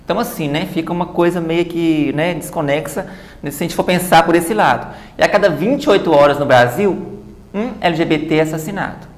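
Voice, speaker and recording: A woman's voice: low-pitched, brisk, reverberant. A woman guest in a TV studio interview, explaining at length and often adding "né" tags. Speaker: guest author and activist.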